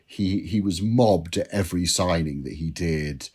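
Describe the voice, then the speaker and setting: A man's voice: sits low, measured pace, a little mellow, slightly rough. A man, a drinks writer, telling self-deprecating anecdotes as a guest in an interview. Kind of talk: interview storytelling.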